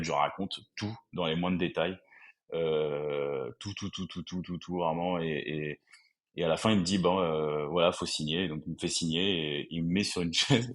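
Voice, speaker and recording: A man, telling his story as a podcast guest, halting with many fillers and restarts. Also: sits low. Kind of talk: conversational storytelling.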